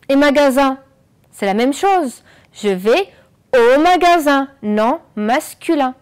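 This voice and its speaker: A woman teaching French on an educational channel, explaining slowly and clearly and asking the viewers questions. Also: high-pitched, a little mellow. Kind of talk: televised classroom lesson.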